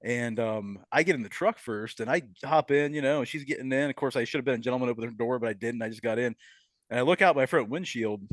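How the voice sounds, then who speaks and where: A man's voice: medium pitch, fast, no room sound. Chatty man on a dry podcast mic. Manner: chatty, laughs often. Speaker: podcast co-host. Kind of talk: casual storytelling chat.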